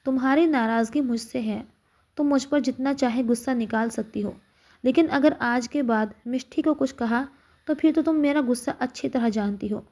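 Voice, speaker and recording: Stern protective young husband for an audio story, read by a woman, high soft voice, clipped. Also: normal speed.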